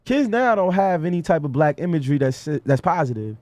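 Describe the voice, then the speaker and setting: A man's voice: a little high, sing-song, fairly quick, darkish tone, no room sound. A man in his twenties with a New York accent, chatting casually as an interview guest in a laid-back, drawling way. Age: 20s. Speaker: rapper guest.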